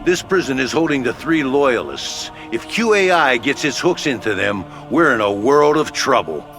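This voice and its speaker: In a video game, a man voices a plain-spoken, slangy male HQ officer, briefing in a blunt, urgent, cocky and colloquial manner. His medium-pitched voice is expressive, fairly bright and moderately paced, set over background music.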